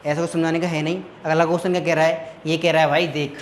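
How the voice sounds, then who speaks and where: Man, maths tutor, fairly high voice, talks students through each step with frequent check-ins, echoey room. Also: level tone, fast talker, slight background noise. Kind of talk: classroom maths lesson.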